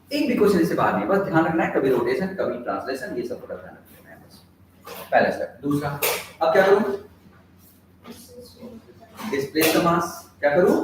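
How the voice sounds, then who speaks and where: A man's voice: fairly high pitch, slight background noise. Echoey, distant male physics teacher. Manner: addresses students, asks questions, dictates formulas slowly. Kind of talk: classroom lecture. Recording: echoey room, heard from a distance.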